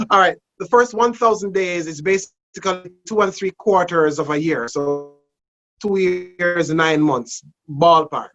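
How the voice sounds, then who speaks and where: A man with a Jamaican accent, hosting a casual interview and summing up in a relaxed way with fillers. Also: high voice, slow. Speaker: host. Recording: dull lo-fi sound.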